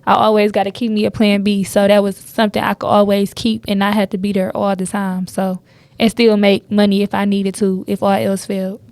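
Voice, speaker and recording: A woman's voice: mid-range voice, a little fast, dry recording. A woman hosting a casual podcast, steering the talk with questions. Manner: steady, guides the conversation with questions. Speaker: podcast host.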